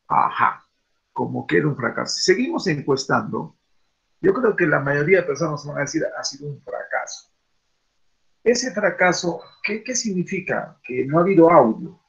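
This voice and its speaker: A man's voice: on the high side, very animated, moderate pace, creaky, fairly bright tone, muffled recording. A man teaching an online class, rambling with many fillers and rhetorical questions. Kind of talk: classroom talk over a video call.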